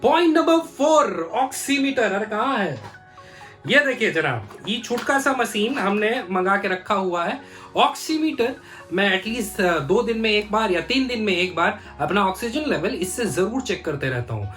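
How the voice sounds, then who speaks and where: A man's voice: sits high, big pitch swings, unhurried, sharp tone, soft background music. Chatty man vlogging at home. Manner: chatty, mixes english phrases into talk. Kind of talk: casual vlog chat to camera. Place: home room, indoors. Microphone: phone camera.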